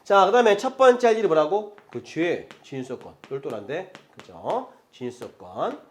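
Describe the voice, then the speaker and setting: Lively male math teacher lecturing. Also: a little high, moderate pace. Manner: lively, keeps checking in with rhetorical questions.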